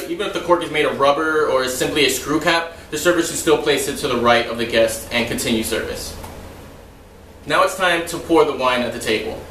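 A young man explains and demonstrates wine service in a steady teaching manner, with a voice a bit higher than most men's. He is recorded from across a home dining room, so his voice sounds distant. The room adds a noticeable echo and a faint hum of ambience. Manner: steady explanatory delivery, some loose asides. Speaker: restaurant server trainer. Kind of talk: instructional demonstration. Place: dining room in a house, indoors. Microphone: far camera, no visible mic. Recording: roomy echo, mic far off.

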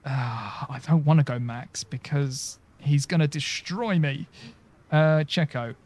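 A man's voice: a little high, takes it slowly, darkish tone. Chatty young man streaming a racing game. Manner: chatty, banter with the game voices. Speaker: gaming streamer. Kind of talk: live stream commentary over gameplay.

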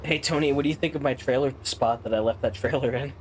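A man's voice: mid-range voice, quick pace, slight background noise. A young man bantering casually as he plays a video game, in a silly, repetitive, exclaiming manner. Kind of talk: casual banter while gaming.

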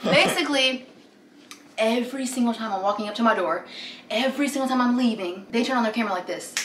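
Filmed from a distance in her apartment, a young woman vlogs about her life, chatting animatedly and often laughing. Her pitch is fairly high. The recording carries a roomy echo, she sits away from the mic, and slight background noise can be heard.

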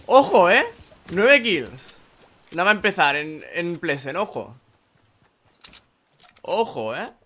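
Young man, streaming a game, bright tense voice, excitable, faint gunfire behind. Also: a little high, a little hiss or hum. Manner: excitable, swings from muttering to shouting. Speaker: gaming streamer. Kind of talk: live gameplay commentary.

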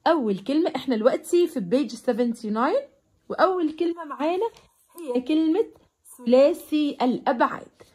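A woman with an Egyptian Arabic accent teaching an English lesson, saying English words slowly and repeating them between Arabic explanations. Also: sits high, animated, a little mellow.

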